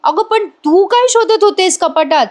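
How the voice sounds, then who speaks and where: A woman's voice: very high-pitched, lively intonation, moderate pace, darkish tone, voice pushed up. A woman voicing a bossy, nosy middle-aged mother who scolds and pries in a retold TV serial scene. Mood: scolding. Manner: scolding, prying questions.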